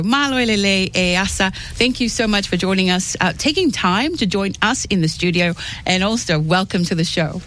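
A woman's voice: medium pitch, fairly bright tone, poor audio. A woman presenting a radio show from the studio, upbeat and welcoming as she interviews a guest. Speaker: radio host.

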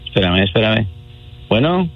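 A man's voice: on the low side, sing-song, moderate pace, gravelly, muffled recording, music in the background. A man calling his fiancée on air, easygoing and sweet-talking, a bit hesitant. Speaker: radio caller pranking his fiancée. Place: radio studio.

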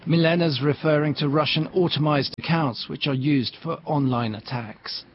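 Calm man reporting the news. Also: a little high, normal speed, dull audio, slight background noise.

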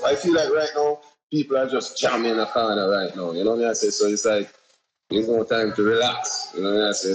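A man's voice: on the low side, rough recording. A man from Jamaica with a Jamaican accent, a singer talking casually in an interview, rambling with lots of "you know"s. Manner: laid-back, rambling, many "you know"s.

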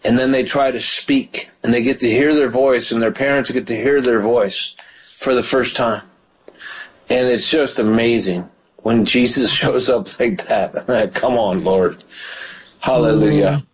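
A pastor hosts a call-in prayer show, talking with callers and praying aloud fervently with many hallelujahs. His mid-range, slightly rough voice keeps fairly even intonation at a measured pace. The recording is rough.

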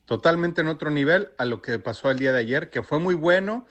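A man's voice: fairly high pitch, animated, fairly quick, fairly bright tone. A man from Mexico, living abroad, sending a firm, critical voice message to a radio show. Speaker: listener in a voice message. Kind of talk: sent voice message about football.

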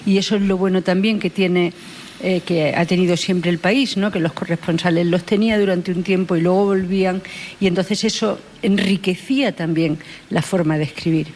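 Woman, journalist guest, reflective, low pitch, faint hum. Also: fairly even intonation, moderate pace, a little mellow. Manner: reflective, tags with "¿no?". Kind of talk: conversational discussion.

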